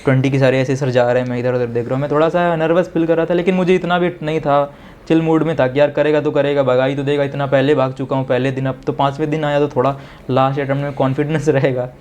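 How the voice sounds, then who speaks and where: Speak as a young man telling an interviewer how his own interview went, at a middle pitch, relaxed and conversational, dropping English phrases into Hindi and saying "sir" often. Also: fast. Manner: animated retelling that mixes Hindi with English phrases; keeps addressing the listener as "sir". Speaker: interviewee, successful defence exam candidate. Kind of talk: casual storytelling in an interview.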